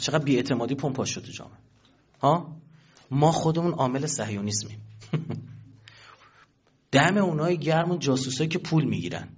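A man's voice: mid-range voice, slightly rough, lo-fi sound. A man giving a colloquial political talk to an audience, emphatic and full of rhetorical questions. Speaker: speaker addressing an audience.

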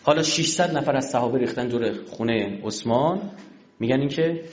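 A man's voice: medium pitch, lo-fi sound. A man giving a religious history lecture in a colloquial storytelling manner, acting out the dialogue of the people in his story. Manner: animated storyteller who acts out quoted dialogue.

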